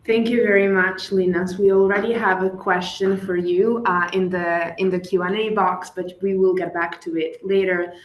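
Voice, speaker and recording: A woman's voice: on the low side, level tone, moderate pace, few pauses. A woman moderating a webinar panel, handing the floor to speakers in a polite, procedural way. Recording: roomy, dull lo-fi call audio.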